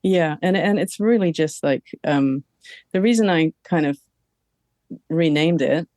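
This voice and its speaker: A woman speaking as a client in a live therapy session at home, hesitant and halting, often pausing to search for words. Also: sits low, darkish tone, no room sound.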